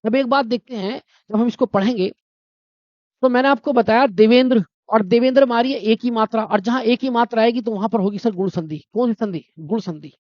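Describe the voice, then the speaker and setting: A man's voice: very high voice, brisk, no echo, dull audio. A male teacher giving an exam-prep grammar lesson, repeating answers and quizzing the viewer with rhetorical questions.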